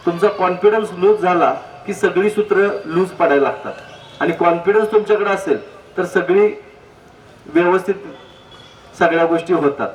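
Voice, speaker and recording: Male public speaker with a high voice, jokey and anecdotal, miked from a distance in an echoey hall. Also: moderate pace. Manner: jokey, anecdotal, asks the audience direct questions. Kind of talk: humorous public talk. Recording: echoey hall, distant mic, faint noise.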